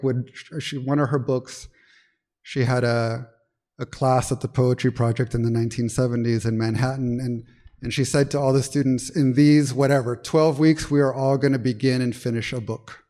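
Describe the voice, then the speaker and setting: A man's voice: medium pitch, a little mellow. Reflective man musing in conversation. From Peru. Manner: thoughtful, searching, many restarts and fillers. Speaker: poet, interview guest.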